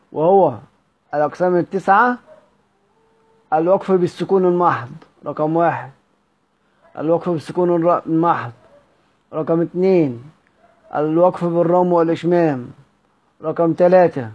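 Egyptian-accented male teacher, higher register, repetitive quizzing delivery; muffled lo-fi recording. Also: normal speed, pauses often. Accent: Egyptian Arabic. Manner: repeats key words, quizzes listeners with rhetorical questions. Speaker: Quran recitation teacher. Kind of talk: Egyptian Arabic lesson on recitation rules.

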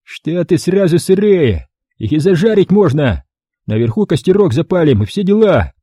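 A hoarse, grumbling male thug, sullen and always hungry, with a husky, dark rasp pitched above the reader's own voice. A man voices him in a storybook reading. The sound is dry and close. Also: very animated, normal speed, dry recording. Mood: sulky. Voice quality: hoarse, gravelly.

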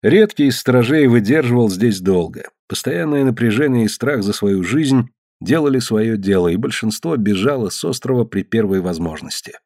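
Expressive male audiobook narrator, dry sound. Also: mid-range voice, no echo. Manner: measured, dramatic reading with slowed emphasis.

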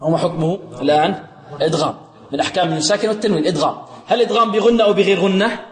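A man teaching Quran recitation rules, quizzing his students and chanting verses slowly to show each rule. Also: sits high, roomy sound, big-room sound. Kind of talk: tajweed lesson with sung recitation.

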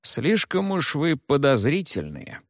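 Man doing a gruff paunchy cop. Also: fairly high pitch, wildly swooping pitch, takes it slowly, dry recording, studio quality, voice pushed up, heavily acted. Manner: gruff, barking. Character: paunchy middle-aged police officer, rude and suspicious.

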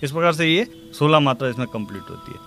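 A man teaching tabla in a spoken music lesson, calmly explaining rhythm cycles and slowly reciting the drum syllables. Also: medium pitch. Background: tabla playing.

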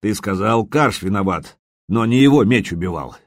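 A man's voice: lowish voice, animated, moderate pace, dry recording, studio quality. A man voicing a grim warrior who speaks gloomily and distrustfully. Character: grim male warrior seeking blood justice.

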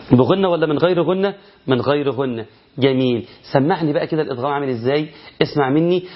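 A man's voice: on the high side, dull audio. A man with an Egyptian Arabic accent teaching a recorded Quran recitation lesson, asking himself questions and answering them.

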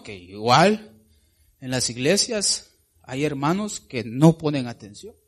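A man preaching an evangelical sermon with passion, swinging from quiet asides to loud shouted lines and calling his listeners "brother". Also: medium pitch. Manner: addresses listeners as "hermano bendito".

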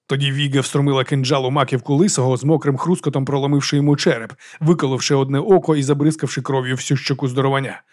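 A man's voice: mid-range voice, level tone, fast talker, hardly any pauses, darkish tone. A man narrating a fantasy audiobook with dramatic storytelling.

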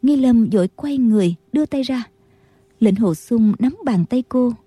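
A woman narrating a martial arts novel as an audiobook reader, in steady storytelling. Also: a little high, moderate pace, husky, no echo. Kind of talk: scripted narration.

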